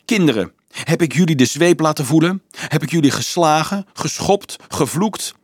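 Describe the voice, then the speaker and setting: A man's voice: fairly high pitch, lively intonation, normal speed, husky, no echo, studio quality, voice pushed up. A man voicing a proud, strong young hero who answers his accusers in a firm, defiant way.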